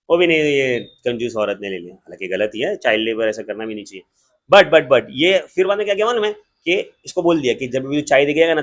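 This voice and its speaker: A man with an Indian accent teaching an accountancy class in a joking, lively way, slowing down to dictate definitions. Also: medium pitch. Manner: lively, joking, switches between Hindi and English, slows down to dictate definitions. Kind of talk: classroom lecture.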